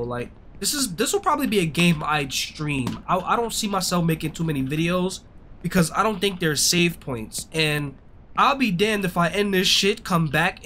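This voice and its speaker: A young gaming streamer with a fairly high, bright and forceful voice gives slangy gameplay commentary from an indoor streaming setup, with a little hiss or hum in the audio. He grumbles in frustration, swears as he goes and often calls listeners "bro."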